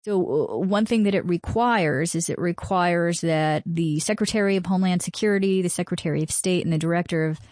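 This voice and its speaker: A woman's voice: lowish voice, a little fast, few pauses, a little mellow, no room sound, studio quality. A woman from Massachusetts co-hosting a casual talk about law and policy, teasing her partner and laughing often between ums. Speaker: podcast co-host. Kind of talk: casual legal and policy discussion.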